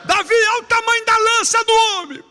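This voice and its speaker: A man preaching a sermon voices an anxious older brother who yells urgent warnings in a shrill shout. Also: normal speed, creaky, some chatter behind, heavily acted. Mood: alarmed yelling. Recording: echoey church hall.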